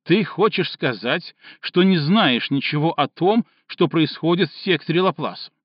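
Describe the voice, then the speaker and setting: A man voicing a young woman who is hysterical and tearful, shouting accusations in a shrill, sobbing voice, in an audiobook reading. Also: moderate pace, dry recording, dull audio, close to an everyday voice.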